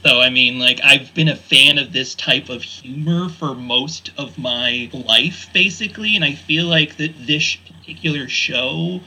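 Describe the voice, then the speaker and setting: A man's voice: mid-range voice, unhurried, few pauses, pushed and bright, husky, poor audio. A man in his forties, a panelist on a podcast, chatting casually and enthusiastically with many fillers. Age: 40s. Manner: rambling, enthusiastic, lots of fillers. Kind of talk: casual chat.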